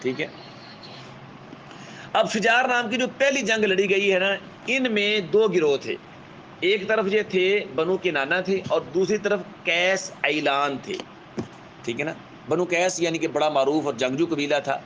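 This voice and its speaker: A male scholar tells history as a lesson in with a tinge. His voice sits a little high for a man, and his delivery is measured. He keeps checking in with his listeners and acts out the quoted speech vividly, over a faint background hum. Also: fairly bright tone, rough recording. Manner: measured, keeps adding a checking "alright?" tag. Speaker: Islamic scholar lecturer. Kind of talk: storytelling religious lecture.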